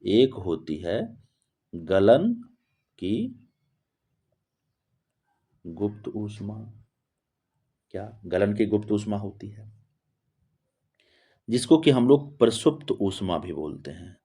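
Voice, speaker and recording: A man's voice: on the low side, expressive, slow, long pauses, dark tone, breathy edge. A man teaching chemistry in a lesson, repeating key terms word by word and answering his own rhetorical questions. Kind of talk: classroom-style lesson explanation.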